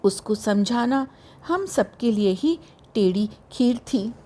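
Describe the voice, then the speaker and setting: A woman narrating a novel in the first person, in a slow, measured, literary reading. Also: fairly high pitch, lively intonation, mellow. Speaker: audiobook narrator. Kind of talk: scripted audiobook narration.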